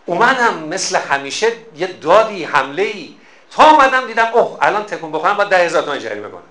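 A woman's voice: lowish voice, sing-song, fairly bright tone, echoey room. A man voicing a frazzled mother holding her temper. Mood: restrained. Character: worn-out mother trying to stay calm.

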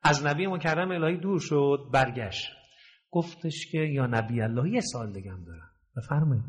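A man giving a sermon who moves between loud, emphatic peaks and low, hushed storytelling, and draws out the verses he quotes slowly. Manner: slows and stretches quoted verses. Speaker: preacher. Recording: long hall reverb.

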